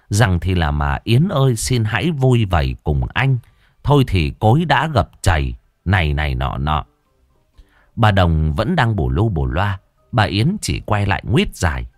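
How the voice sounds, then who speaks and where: A man's voice: sits low, no echo, studio quality. A man narrating a comic folk tale in a playful, exclamatory way. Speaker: storyteller.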